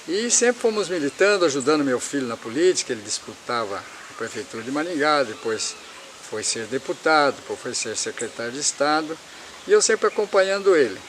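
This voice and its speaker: A man's voice: a little high, lively intonation, fairly quick, fairly bright tone, slight background noise. A man in his seventies from Paraná, Brazil, telling his life story in a rambling way and repeating himself. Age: 70s.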